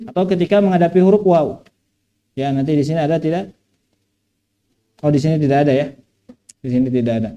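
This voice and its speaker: A man's voice: on the high side, quick pace, pauses often, mellow, muffled recording. A man teaching Quran recitation in a mosque, drawing out phrases and patiently correcting pronunciation. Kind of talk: tajweed lesson with recitation.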